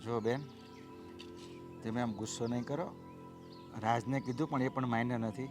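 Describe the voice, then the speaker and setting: A middle-aged actor playing a humble father who pleads earnestly and tries to calm others. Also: mid-range voice, normal speed, over music, close to an everyday voice. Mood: pleading. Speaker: actor in a family drama.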